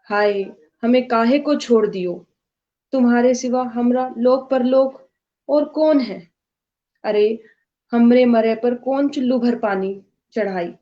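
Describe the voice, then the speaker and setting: A woman's voice: fairly high pitch, slow. A woman voicing a meek, pitiful hunchbacked woman who pleads and wails, on a dull lo-fi recording. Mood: wailing. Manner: wailing, pleading.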